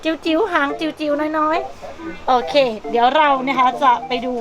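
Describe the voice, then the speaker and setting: Over background music and a loud crowd, a woman with a high voice presents a pet shop vlog at a moderate pace, bubbly and cutesy, alternating between selling and baby talk. The recording quality is low.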